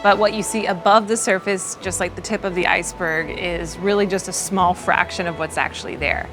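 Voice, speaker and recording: A woman's voice: lowish voice, fairly even intonation, brisk. A woman telling her experiences as a marine consultant in a documentary interview. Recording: prominent music bed under speech.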